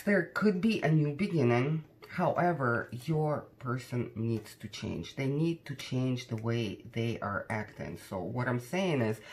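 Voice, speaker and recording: A tarot card reader talking casually to viewers in a conversational, cautioning way, often tagging questions onto statements. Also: mid-range voice.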